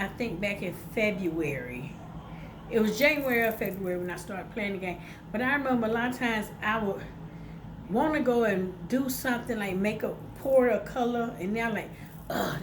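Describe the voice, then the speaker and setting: Sitting by a window at home, a vlogger with a stuffed-up, sinus-congested voice at medium pitch encourages her viewers in a relaxed motivational video. She keeps it chatty, says "y'all," and fills her speech with fillers. The background is noisy.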